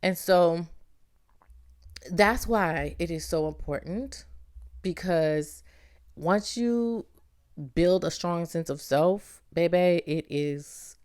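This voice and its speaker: Lively woman podcast host from Barbados. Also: on the low side, slow pace, long pauses, smooth. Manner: lively, playful, calls listener "baby". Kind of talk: motivational podcast talk.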